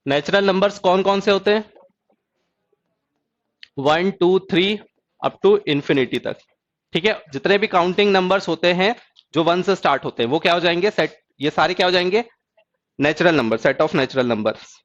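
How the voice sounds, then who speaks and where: A man teaching an exam-prep math lecture who keeps asking students if the point is clear and drawls key terms slowly. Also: high-pitched, dull audio. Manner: asks students check questions.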